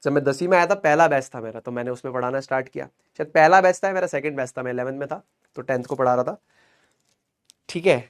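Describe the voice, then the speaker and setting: A young man teaching a lesson in a lively, joking way, repeating questions and answers to drill them in. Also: mid-range voice, fast talker, clean tone. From Rajasthan, India. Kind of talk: explanatory lesson.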